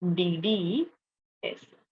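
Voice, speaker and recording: A woman's voice: lowish voice, animated, very slow, husky. Woman, young, online chemistry lesson, patient step-by-step explaining, frequent check-ins, dull audio. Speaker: chemistry teacher. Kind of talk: online classroom lecture.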